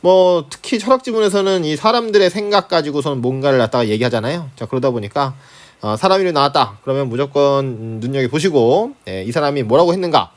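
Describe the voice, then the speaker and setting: Animated male Korean lecturer. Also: medium pitch. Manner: lively, frequent rhetorical questions and "자, 그죠?" check-ins. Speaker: Korean language teacher. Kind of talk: exam-prep lecture.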